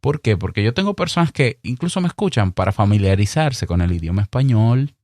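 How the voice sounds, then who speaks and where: A man with a Dominican Spanish accent giving podcast advice in a clear, deliberate, emphatic way, acting out little exchanges. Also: lowish voice, lively intonation, darkish tone, no echo, studio quality. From Dominican Republic. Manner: emphatic, chatty, mock-acts little dialogues. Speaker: podcast host. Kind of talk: solo podcast advice monologue.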